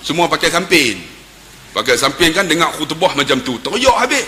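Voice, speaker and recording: Male preacher, very bright tone, dramatic swings in volume, recorded in a reverberant hall. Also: a little high, sing-song, normal speed. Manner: emotive, swings from loud exclamations to hushed tones. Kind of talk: storytelling sermon. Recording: reverberant hall with faint noise.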